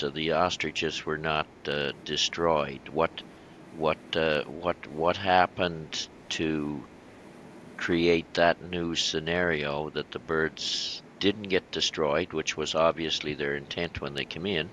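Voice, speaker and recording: Male co-host, very deep but bright, forceful tone, slow halting questioner. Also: fairly even intonation, slight background noise, rough recording. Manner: halting, repeats words while framing a question. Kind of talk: interview question.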